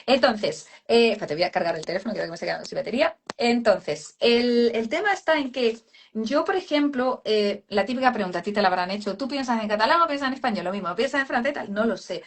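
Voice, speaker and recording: A woman's voice: fairly high pitch, expressive, fast talker. A woman speech therapist explaining voice work in a casual live chat, calling people "cariño". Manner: explanatory, addresses listener as cariño.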